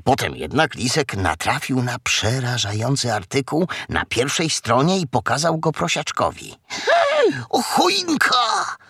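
A man reading a children's story aloud, slow and gravelly. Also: medium pitch, sing-song, fairly bright tone, dry recording, studio quality.

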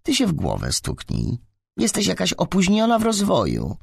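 A man reading an audiobook, voicing an indignant, sharp-tongued teenage schoolgirl. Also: high voice, very animated, very slow, slightly rough, dry recording, clean studio sound, pitched above the performer's own voice, exaggerated voice.

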